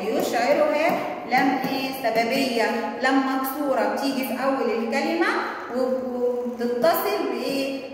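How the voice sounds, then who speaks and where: A woman with an Egyptian Arabic accent explaining a primary school lesson, asking questions and answering them herself. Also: sits high. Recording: echoey room, voice from far off.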